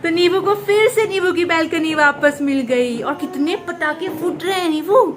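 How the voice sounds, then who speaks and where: Chatty high-voiced woman vlogging at home. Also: moderate pace. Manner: chatty, narrates events to the viewers. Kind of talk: casual home vlog chat. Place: home balcony at night.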